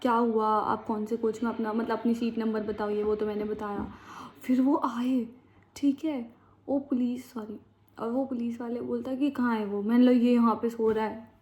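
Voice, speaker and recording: A woman's voice: a little high, flat delivery, moderate pace, a little mellow. Chatty young woman telling a story. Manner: chatty, slangy, dramatic retelling. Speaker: vlogger. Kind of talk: casual storytime chat. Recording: dull lo-fi sound with faint background noise.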